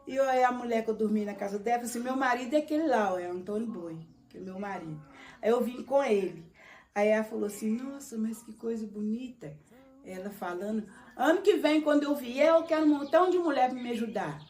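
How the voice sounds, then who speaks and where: A woman recounts her life in a documentary interview. She tells it with lively energy and plays out each quoted line. Her fairly high voice sits back from the mic in a roomy space with a clear echo. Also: fairly quick. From Brazil, Minas Gerais. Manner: lively storytelling, acting out quoted dialogue. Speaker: interviewee, congo dancer. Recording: roomy sound from a distant mic.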